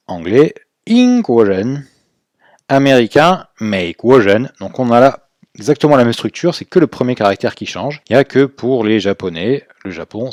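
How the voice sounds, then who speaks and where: A man's voice: lowish voice, a little mellow, no room sound, clean studio sound. A man teaching in a recorded video lesson, explaining step by step in a patient way, with fillers as he goes. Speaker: Chinese language teacher.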